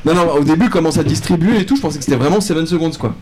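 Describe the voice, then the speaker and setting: A man's voice: fairly high pitch, rapid-fire, over a noisy crowd. A man chatting casually in sweary French street slang as he plays a music quiz with friends. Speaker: quiz contestant on a radio show. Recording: loud guitar music behind the voice. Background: loud guitar music.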